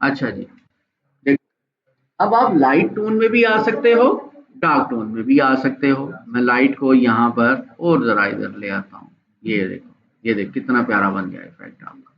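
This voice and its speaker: A man teaching a live online graphics software class, chatty and encouraging, often checking in with his students. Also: medium pitch, unhurried, gravelly, dull audio, slight background noise.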